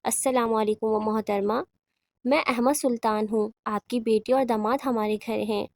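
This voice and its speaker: A woman voicing a steady, reassuring older man in a horror audiobook. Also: fairly high pitch, no echo, close to an everyday voice. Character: older man, calm protective father figure.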